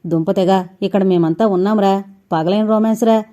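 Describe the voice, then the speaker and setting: A woman's voice: medium pitch, normal speed, mellow, close to an everyday voice. A woman reading as a joking bachelor friend. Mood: teasing. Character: young man, joking, grumbling bachelor friend. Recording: dull lo-fi recording.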